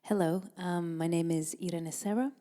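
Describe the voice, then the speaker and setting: A jazz vocalist and band leader, Italian-born and raised in Denmark, answers interview questions in a fairly low, steady voice at a moderate pace. She's thoughtful and hesitant, filling her answers with ums and uhs, and speaks softly, sometimes dropping almost to a whisper.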